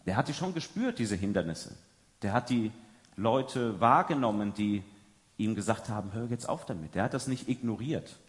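A man's voice: lowish voice, animated, normal speed. A man preaching a sermon to an audience, conversational, often tagging his sentences with a questioning "ja". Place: large hall before an audience. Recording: long hall reverb.

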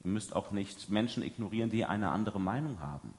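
A man's voice: on the low side, lively intonation, fairly quick, a little mellow. A man preaching a sermon to an audience, conversational, often tagging his sentences with a questioning "ja". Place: large hall before an audience. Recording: long hall reverb.

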